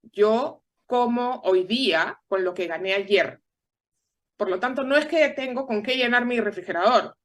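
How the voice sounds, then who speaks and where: Measured Peruvian woman analyst. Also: fairly high pitch. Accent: Peruvian Spanish. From Peru. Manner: measured, explanatory, tag questions. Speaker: guest analyst. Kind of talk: explanatory interview answers.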